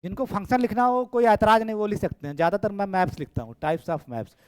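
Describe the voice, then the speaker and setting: एक पुरुष गणित शिक्षक कक्षा में पढ़ा रहे हैं, बातें दोहराते हुए और छात्रों की कॉपियाँ जाँचते हुए।. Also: male voice, high voice, fairly quick, smooth, dry recording. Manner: chatty, repeats phrases, checks students' work aloud. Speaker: maths teacher. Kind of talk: classroom lecture. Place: classroom. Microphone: camera in room.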